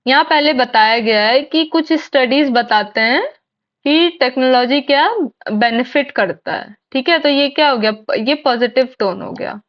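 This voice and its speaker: A woman's voice: sits high, a little slow, muffled recording. A woman teaching an exam-prep lesson, explaining step by step and asking and answering her own questions. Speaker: English teacher.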